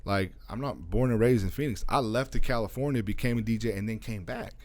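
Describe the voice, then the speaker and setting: A man from Arizona, USA, who works as a DJ and owns a radio station, speaks fairly quickly in a lowish voice. As a guest in a casual interview he talks loosely, frequently tacking on "you know what I'm saying."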